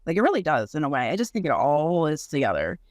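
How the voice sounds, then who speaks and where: A woman's voice: sits low, very animated, quick pace, no echo, clean studio sound. A woman hosting a podcast, chatting in an open, laid-back way and swearing casually. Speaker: podcast host. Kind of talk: casual chat.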